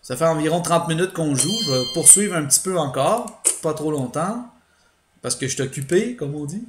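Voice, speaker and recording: A man's voice: fairly high pitch, lively intonation, moderate pace, reverberant, background noise. A man with a Quebec French accent doing let's play commentary, thinking aloud with hesitations and explaining his strategy to viewers. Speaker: gaming channel host.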